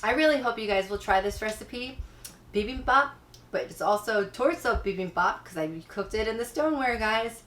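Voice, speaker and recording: A woman's voice: fairly high pitch, lively intonation, normal speed, a bit bright, rough recording. A woman hosting her own cooking video, chatting enthusiastically to viewers as she cooks and tastes. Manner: chatty, enthusiastic, keeps addressing viewers as guys. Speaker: cooking channel host. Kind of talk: casual cooking demonstration.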